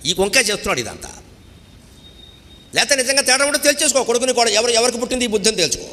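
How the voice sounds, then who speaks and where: Man, spiritual speaker, fast and bright, playing out dialogue in a reverberant hall. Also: very high-pitched. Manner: animated, acts out dialogue in quoted voices. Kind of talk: devotional discourse.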